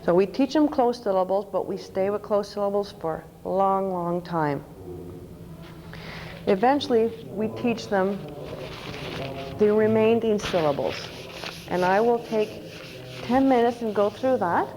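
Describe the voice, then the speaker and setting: A woman's voice: mid-range voice, unhurried, long pauses, noisy background. A woman presenting a conference workshop on teaching reading, explaining step by step and spelling out letters. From Canada. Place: conference session room. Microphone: microphone.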